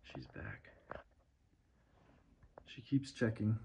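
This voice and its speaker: A man exploring an abandoned building, talking tensely and quietly to his viewers. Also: on the low side, big pitch swings, drawn-out words, vocal fry. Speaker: urban explorer vlogger. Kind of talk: casual vlog narration. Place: inside an abandoned church. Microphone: phone camera. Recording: noisy phone recording.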